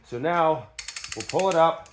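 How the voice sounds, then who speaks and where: A man's voice: on the high side, expressive, unhurried, slight background noise. A man in his workshop, casually demonstrating an old tool in a folksy, plain-spoken way, with ratchet clicks behind him. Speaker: tradesman demonstrating an antique tool.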